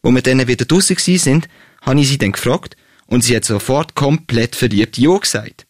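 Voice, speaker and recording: A man's voice: mid-range voice, moderate pace, no room sound, studio quality. Swiss man reading a comic story. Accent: Swiss German.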